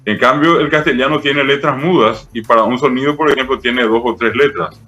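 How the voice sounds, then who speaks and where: Un hombre de mediana edad con acento paraguayo, profesor invitado que explica con paciencia y muchos "eh" y "¿verdad?". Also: male voice, mid-range voice, brisk, bright, forceful tone, lo-fi sound, soft background music. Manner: patient, didactic, many fillers "eh" and "¿verdad?". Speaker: Guaraní language professor, guest. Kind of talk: explanatory interview talk.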